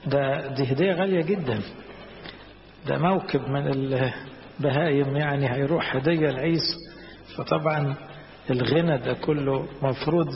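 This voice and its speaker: A man's voice: on the high side, slight background noise. A man with an Egyptian Arabic accent preaching a sermon, explaining scripture plainly in a teaching tone. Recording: echoey hall, slightly dull sound.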